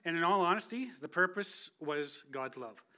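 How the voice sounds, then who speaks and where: Speaking as a guest from the church pulpit, this forties-aged man shares a conversational sermon testimony, relaxed and chatty and full of self-deprecating jokes. His voice is on the high side, expressive and pushed and bright, at a normal speed.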